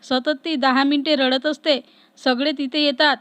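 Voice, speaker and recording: The voice sits high for a woman, and she keeps her narration steady and even. The sound is dry and close, with no room in it. She tells the story in a plain scripted manner. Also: moderate pace, no room sound. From Maharashtra, India.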